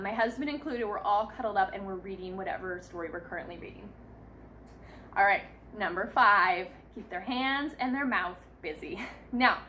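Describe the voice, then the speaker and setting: A mother in her thirties shares parenting tips in a chatty, casual instructional vlog, sounding encouraging. Her fairly high voice is pushed and bright, with a little hiss or hum in the background.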